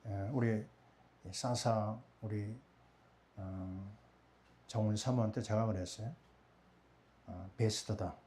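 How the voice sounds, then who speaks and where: Middle-aged man preaching a mellow sermon. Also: lowish voice, fairly even intonation, takes it slowly, pauses often, slight background noise. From Korea. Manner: rhetorical questions answered himself. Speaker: pastor.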